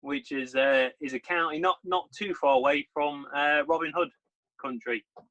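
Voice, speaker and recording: A man, a guest talking in a relaxed, modest way over a video call from home. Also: fairly high pitch, moderate pace, dull audio. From England. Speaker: guest, sports writer. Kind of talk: casual interview chat.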